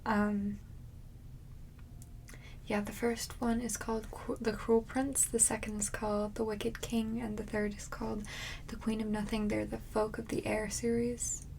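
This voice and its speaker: A woman speaks in an ASMR role-play as a chatty, friendly librarian. Her soft voice is mellow and fairly high, with a creaky edge. She talks in a casual, halting way, over a faint layer of noise. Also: level tone, rough recording. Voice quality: soft, breathy soft voice with some low voicing.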